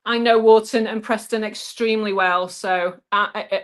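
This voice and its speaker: A woman's voice: medium pitch, fairly even intonation, normal speed. Brief: woman, northern English Lancashire accent, live-stream host, reads viewer comments, casual and upbeat. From northwest England.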